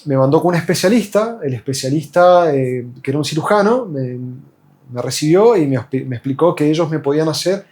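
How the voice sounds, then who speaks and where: A man's voice: on the high side, lively intonation, a little fast, a little mellow. A man from Argentina with an Argentine accent, telling his story as a patient in a hesitant, casual way full of fillers and restarts. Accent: Argentine Spanish. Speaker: patient giving a testimonial. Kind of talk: casual spoken testimony.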